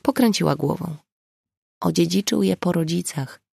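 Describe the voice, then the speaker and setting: A woman narrating an audiobook in a measured, expressive reading. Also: lowish voice, creaky, breathy edge, no room sound, studio quality. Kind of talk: scripted narration.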